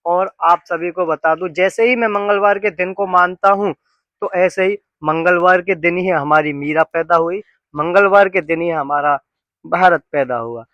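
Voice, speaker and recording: A man with a notably high voice talks to his viewers in a relaxed family vlog. He is chatty and playful, slipping into sing-song teasing with the kids. The sound is dry and close. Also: normal speed, no echo, highs cut off. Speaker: family vlogger. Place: home, indoors and rooftop.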